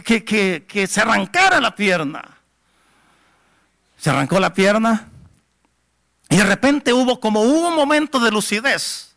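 A man preaching, telling a testimony in a dramatic storyteller's way that swells to near-shouts. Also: high voice, creaky. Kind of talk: sermon testimony.

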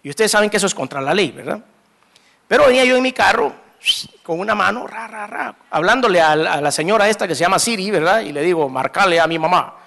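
A Salvadoran man preaching with a high, gravelly voice that swings widely in pitch. He tells his story with humor and acts out each scene for the congregation. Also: expressive, fast talker, a bit bright. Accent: Salvadoran Spanish. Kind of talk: sermon with storytelling.

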